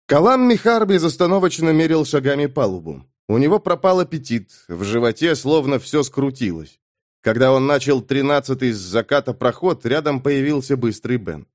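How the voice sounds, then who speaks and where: Expressive male audiobook narrator. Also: medium pitch, moderate pace, no echo, clean studio sound. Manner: expressive storytelling. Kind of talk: scripted narration.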